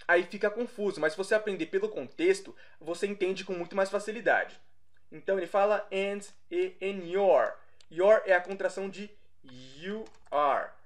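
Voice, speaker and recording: A young Brazilian man teaching a casual English lesson, explaining slowly, repeating himself and correcting his own slips. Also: sits high, a bit bright. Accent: Brazilian Portuguese.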